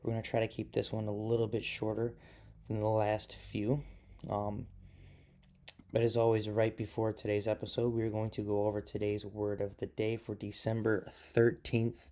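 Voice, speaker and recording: A man's voice: fairly low pitch, monotone, normal speed, mellow. A man hosting his own podcast, talking loosely in a casual solo monologue with a lot of filler words. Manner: loose and rambling, many fillers. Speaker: podcast host.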